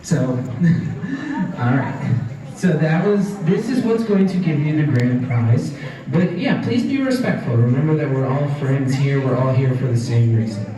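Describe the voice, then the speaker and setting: A young male science educator runs a live demonstration for a crowd in a large indoor event hall, upbeat as he explains each step to the watching kids. His mellow voice sits at medium pitch with big swings, and he speaks at a measured pace. The mic is far from him in an echoey hall, with crowd chatter behind.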